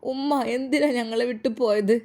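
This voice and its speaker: A woman's voice: fairly high pitch, normal speed, warm tone, natural voice. A woman voicing a tearful young son who pleads with his father in a trembling voice.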